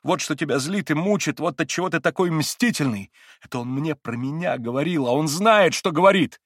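A man voicing a feverish, tormented young man in an audiobook, husky and agitated, rising into anguished outbursts. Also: a little high, expressive, fairly quick, dry recording, studio quality, pitched above the performer's own voice. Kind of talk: audiobook character reading.

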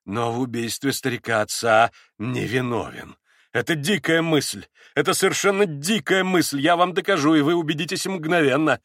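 A man reading aloud and voicing an agitated young man under questioning who talks fast, nervously and effusively. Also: fairly high pitch, a bit bright, no room sound, clean studio sound. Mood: excited.

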